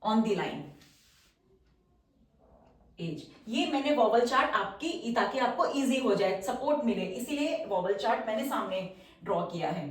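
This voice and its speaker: High-voiced woman teaching in an echoey room. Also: expressive, normal speed. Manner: patient, repeats key terms, asks and answers own questions. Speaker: shorthand teacher. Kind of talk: whiteboard lesson explaining step by step. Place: room with a whiteboard. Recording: echoey room, far from the mic.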